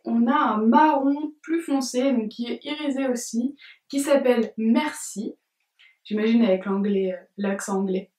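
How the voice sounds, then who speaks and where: Slow-talking young woman reviewing makeup. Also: fairly high pitch. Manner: slow, gentle, describing each shade with small laughs. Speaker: beauty vlogger. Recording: roomy sound, from a distance.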